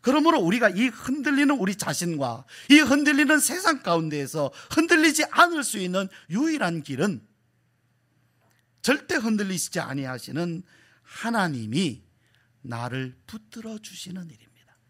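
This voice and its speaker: A male pastor preaching a sermon, asking the congregation questions and repeating key words, sometimes dropping to a soft whisper. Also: high voice, very animated, moderate pace.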